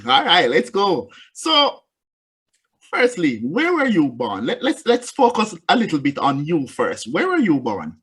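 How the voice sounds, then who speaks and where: A man's voice: on the high side, huge pitch swings, unhurried, a bit bright, slightly rough. A man hosting an interview, speaking animatedly and addressing the listeners directly. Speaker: interview host.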